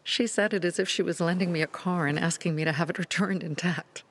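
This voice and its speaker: A woman voices a determined young female resistance leader, a settlement leader in a video game, speaking earnestly and resolutely in a reflective mood. Her voice is fairly low, steady, and brisk.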